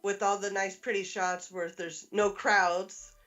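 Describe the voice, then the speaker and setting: A woman of middle pitch, speaking as a guest in a relaxed chat. She tells anecdotes in a quick, lively way, sometimes slowing for detail. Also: dull audio, soft background music. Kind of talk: casual chat.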